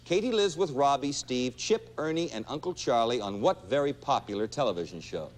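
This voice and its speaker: A man hosting a television quiz show, brisk and genial, quick with jokes. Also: medium pitch, expressive. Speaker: game show host. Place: television studio with audience.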